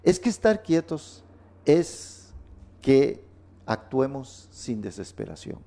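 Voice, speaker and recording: Male radio Bible teacher, mellow gravelly tone, emphatic and repetitive. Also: mid-range voice, very animated, takes it slowly. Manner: emphatic, repeats words for stress. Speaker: radio program host. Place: radio studio.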